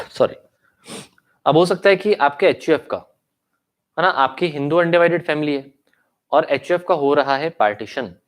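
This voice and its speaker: A man's voice: fairly high pitch, moderate pace, long pauses. A young Indian man teaching law in an online lecture, with a sore throat and an occasional cough, switching between Hindi and English and checking in with students with tag questions.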